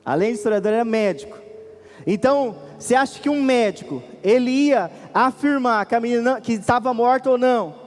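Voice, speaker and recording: High-voiced Brazilian pastor preaching. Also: male voice, fairly quick, in a large hall. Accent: Brazilian Portuguese. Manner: preaching with sudden rises and drops, questioning the congregation. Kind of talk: sermon. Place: church.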